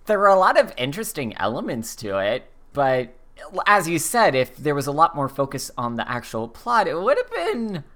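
Female co-host, extremely low register, lively intonation, casual film-review banter. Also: moderate pace. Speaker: podcast co-host.

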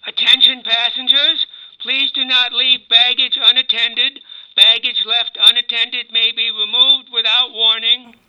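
An actor playing a train conductor who makes formal announcements over the train intercom. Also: male voice, extremely high pitch, flat delivery, unhurried, smooth, exaggerated voice. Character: male train conductor making routine announcements. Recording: dull lo-fi loudspeaker sound.

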